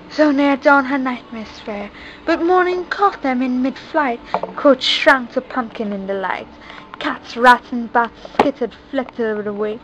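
A woman reading a rhyming picture book aloud at home, in a lively sing-song delivery. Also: sits high, dull audio, slight background noise. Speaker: reader.

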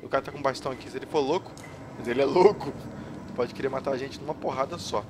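A Brazilian gameplay streamer commentates a horror game, nervous and jumpy, swearing and cracking nervous jokes. His medium-pitched voice moves fast, and the very noisy recording has game music running underneath.

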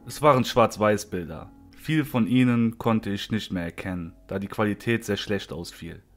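A man reading a horror story aloud in a measured first-person storytelling manner. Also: on the low side, soft background music. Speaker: narrator. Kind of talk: scripted horror story narration.

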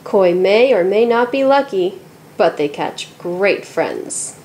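Woman reading a kids book aloud, lively storyteller, middle-pitched voice. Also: slow, noisy background. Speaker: storybook reader. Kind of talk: children's book read-aloud.

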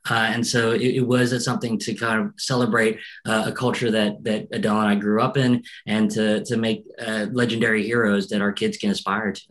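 A man, a film director, answering press questions on a video call in a relaxed, casual way with hesitant restarts. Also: lowish voice, a little fast, few pauses. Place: home room, video call.

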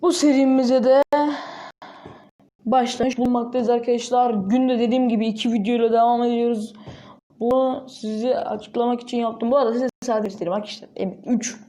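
Fairly quick and chatty, a woman hosting a gaming channel narrates a mobile game in a relaxed way. Her fairly high voice is soft and mellow, punctuated by repeated sudden, excited outbursts.

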